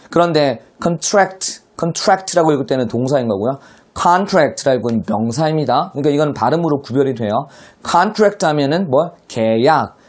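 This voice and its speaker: A man's voice: medium pitch, a little mellow. A man teaching English vocabulary to middle school students in an online class, speaking with a Korean accent and often addressing his students directly.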